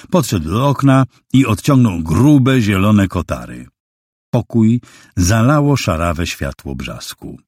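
Deep-voiced male audiobook narrator. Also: dry recording, clean studio sound. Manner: expressive, dramatic reading.

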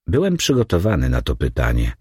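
A man narrating a first-person story as an audiobook in an expressive storytelling manner. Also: extremely low pitch, brisk, breathy edge, no echo, clean studio sound.

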